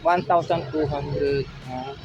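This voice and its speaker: A man's voice: on the high side, fairly even intonation, slow, darkish tone, dull audio. A man with a Filipino accent vlogging casually at outdoor stalls, asking vendors for prices and talking to his viewers as friends. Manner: chatty, asks prices, addresses viewers as friends. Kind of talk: casual walk-through vlog.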